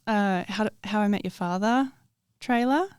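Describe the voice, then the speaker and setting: A woman's voice: mid-range voice, a little slow, clear, resonant tone, no echo, studio quality. A woman chatting casually as a guest on a podcast. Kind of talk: casual chat.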